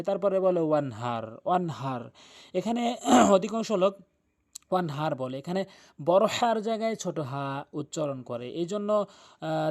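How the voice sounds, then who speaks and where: A young man with a fairly high voice teaches Quran recitation. He is earnest and insistent and breaks each word into its letters, sounding them out syllable by syllable. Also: darkish tone. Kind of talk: tajweed lesson.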